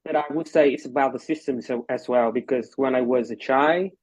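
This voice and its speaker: Hosting a casual conversational introduction, this Vietnamese-accented man, who lectures in medicine and tutors English, stumbles through fillers and restarts. His medium-pitched voice is a little mellow and fairly quick. The recording is dry, with the highs cut off.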